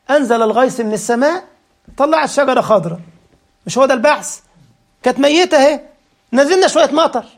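High-pitched man, Egyptian Arabic accent, religious lesson, quizzing his listeners, slow drawn-out recitation. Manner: animated, rhetorical questions to the audience. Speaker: preacher.

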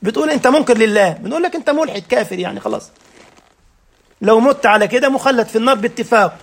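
A man's voice: very high voice, animated, quick pace. A man with an Egyptian accent teaching a religious lesson, firing rhetorical questions and checking that his listeners follow. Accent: Egyptian Arabic.

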